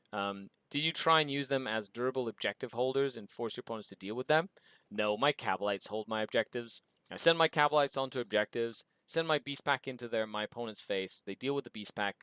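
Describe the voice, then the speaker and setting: A Mexican man with an English accent hosts a livestream, reading viewer questions aloud in an upbeat way before he answers them. His mid-range voice is bright and forceful with a clean tone, and there's no echo.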